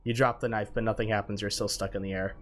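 A man narrating as game master of a tabletop game, loose and halting, with many fillers. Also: on the low side, level tone, a bit bright.

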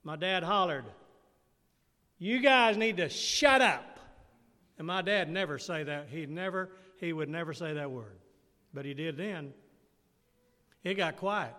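A man with a high, bright, forceful voice delivers an interactive sermon and keeps firing questions at his listeners. His words ring out with a long reverberant tail from the hall. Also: normal speed. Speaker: preacher.

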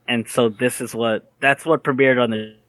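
A young man recaps a show on a podcast, often restarting his sentences and swearing bluntly. His voice sits at an ordinary pitch. The recording is dry and close. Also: steady tone, moderate pace, fairly bright tone, dry recording. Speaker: podcast co-host. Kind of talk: casual anime recap chat.

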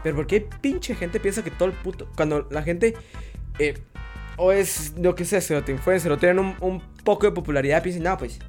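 High-voiced Guatemalan man, crude banter. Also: brisk, darkish tone, soft background music. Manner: crude slangy banter, constant swearing. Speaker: podcast co-host. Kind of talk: casual podcast chat.

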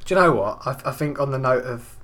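A man's voice: mid-range voice, animated, quick pace, fairly bright tone. A man hosting a podcast, rambling through crude, swearing banter and laughing often.

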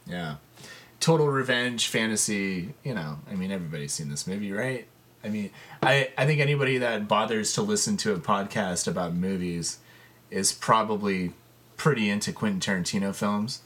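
A man co-hosting a podcast in casual chat, laid-back and quick to laugh. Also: on the low side, fairly bright tone. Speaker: podcast co-host.

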